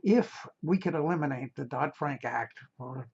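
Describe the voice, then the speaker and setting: A man with a gravelly voice, speaking casually with many fillers and restarts as he invites listeners to a real estate seminar. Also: fairly high pitch, moderate pace, a little mellow, highs cut off. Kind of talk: casual spoken invitation and pitch.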